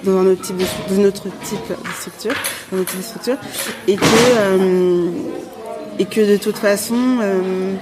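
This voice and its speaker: A woman's voice: mid-range voice, little pitch movement, unhurried, over loud music. A woman, a podcast guest, talks casually and hesitantly with many fillers. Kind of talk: casual conversation.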